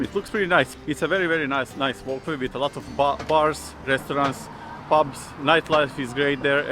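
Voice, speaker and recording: A man hosting a vlog in an informal, wry, self-deprecating way, with music behind him. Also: mid-range voice. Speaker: vlog host. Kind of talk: casual vlog presenting. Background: faint background music.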